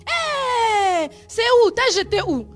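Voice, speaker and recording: A woman's voice: lively intonation, fast, soft background music. A woman voicing a panicking wife who wails and exclaims over lost money. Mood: wailing. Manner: wailing, shrill exclamations.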